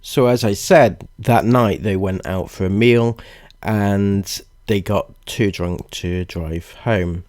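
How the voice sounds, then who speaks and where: A man with a fairly low voice delivers disapproving commentary at a slow pace. He is deliberate in how he sets out his points, and the sound is dry and close. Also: steady tone, darkish tone, no room sound. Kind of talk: video commentary with read-out passages.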